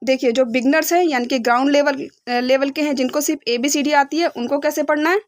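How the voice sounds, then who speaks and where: A young woman teaching beginner English phonics, slowly spelling out each sound and often checking that her learners follow. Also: high voice, fairly even intonation.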